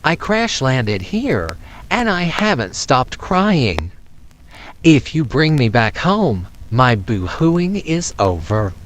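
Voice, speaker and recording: A man's voice: mid-range voice, sing-song, slow, slight background noise. A man voicing a tiny, lost, tearful little creature pleading in a storybook.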